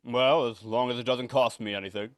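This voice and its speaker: A man's voice: medium pitch, steady tone, brisk, close to an everyday voice. A man playing a penny-pinching, anxious property owner in old-time radio suspense style, curt, skeptical and fretful. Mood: grumbling, skeptical.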